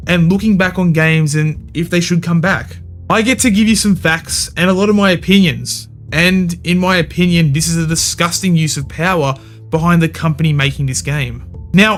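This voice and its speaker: Opinionated high-voiced male games commentator. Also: fairly bright tone. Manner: opinionated, blunt, swears casually. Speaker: gaming commentary channel host. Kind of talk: scripted video commentary.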